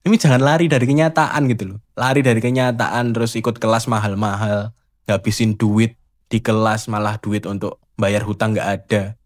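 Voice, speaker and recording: A man's voice: on the low side, fairly even intonation, moderate pace. A man hosting a casual spiritual monologue, teasing and rhetorical as he challenges the listener. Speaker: host.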